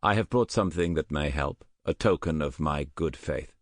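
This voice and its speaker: A man's voice: a bass voice, moderate pace, no room sound, clean studio sound. A man voicing an earnest, careful German officer who has defected, answering questions politely in an audiobook. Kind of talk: audiobook character voice.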